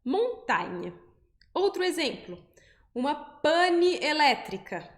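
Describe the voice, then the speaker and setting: A Brazilian woman teaching French pronunciation, explaining patiently step by step and saying each example word slowly. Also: sits high, very animated, echoey room. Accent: Brazilian Portuguese. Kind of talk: pronunciation lesson.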